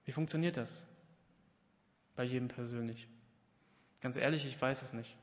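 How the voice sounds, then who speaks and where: A man's voice: mid-range voice, normal speed, big-room sound. A man preaching a Pentecost sermon in a church, talking conversationally, asking questions and answering them himself, and raising his voice to act out the biblical dialogue. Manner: acts out the biblical dialogue with raised, emphatic voice.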